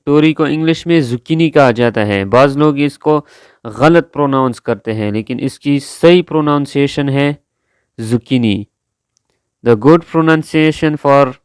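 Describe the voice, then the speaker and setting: Slow, deliberate male teacher. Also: medium pitch, clean tone, no room sound, studio quality. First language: Urdu. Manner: drawn-out, careful pronunciation drills. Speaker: English vocabulary teacher. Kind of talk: slow vocabulary lesson, repeating each word.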